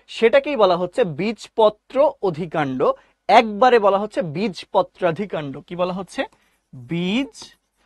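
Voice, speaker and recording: Man teaching slowly over a dry close mic. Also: very high voice, no room sound. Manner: repeats key terms slowly and quizzes listeners. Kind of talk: online class lecture.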